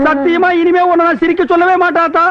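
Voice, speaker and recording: A man's voice: extremely high pitch, steady tone, fast. An actor with a Kongu Tamil accent playing a sarcastic village man who fires off mocking retorts in a film comedy. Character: sharp-tongued village man, mocking and bossy. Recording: dull lo-fi film soundtrack.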